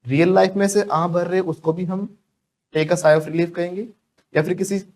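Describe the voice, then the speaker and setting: Lively male English teacher. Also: fairly high pitch. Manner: lively, drills students to repeat phrases. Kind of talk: classroom teaching.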